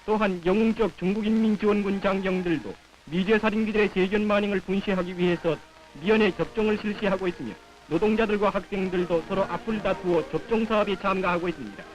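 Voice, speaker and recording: A man's voice: sits high, fairly even intonation, fast, noisy background. A man with a North Korean accent reading scripted 1950s propaganda newsreel narration in a solemn, declamatory manner on an old film soundtrack.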